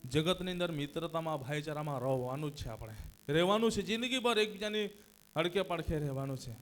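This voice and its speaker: A man preaching a sermon as pastor, leading the congregation in call and response, swinging between hushed passages and loud shouted cries of hallelujah. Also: fairly high pitch, a little fast. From India. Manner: repeats phrases and cries hallelujah.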